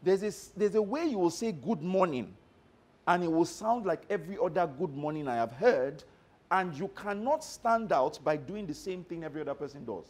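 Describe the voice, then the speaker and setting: A man's voice: sits high, fairly quick. A man giving a live motivational workshop talk to staff, telling stories and often checking that the audience follows him. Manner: animated storyteller who checks in with the audience. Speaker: motivational trainer.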